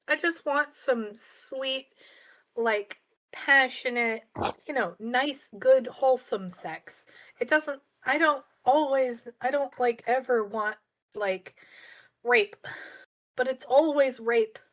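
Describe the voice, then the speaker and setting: A woman co-hosting a podcast in casual chat, relaxed and teasing with her partner. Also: high-pitched, takes it slowly. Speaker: podcast co-host.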